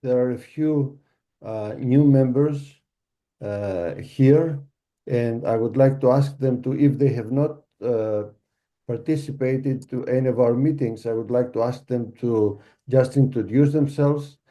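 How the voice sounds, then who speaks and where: A man hosts a group video call and talks slowly with many pauses. His voice is very dark and mellow. He hesitates and fills his gaps with ums and uhs. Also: medium pitch. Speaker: meeting host. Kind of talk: casual online meeting chat.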